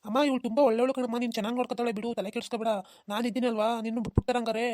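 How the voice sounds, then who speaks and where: A woman voicing a gentle, pleading young son who calms his angry mother in a cartoon. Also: on the high side, very fast, no room sound, clean studio sound, close to an everyday voice. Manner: soothing, pleading. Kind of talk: cartoon voice acting.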